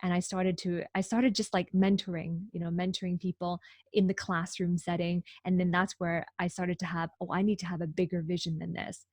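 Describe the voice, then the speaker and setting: A woman from Hong Kong, a guest on a video call interview, upbeat and quick to rephrase. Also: on the low side, little pitch movement, darkish tone, dry recording. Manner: upbeat, laughs often, rephrases.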